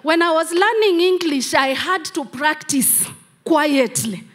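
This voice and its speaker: Her voice is high-pitched and a bit bright, and she takes her time. This middle-aged Kenyan pastor, whose mother tongue is Kamba, preaches into a handheld mic on a large church hall's stage, repeating phrases for emphasis.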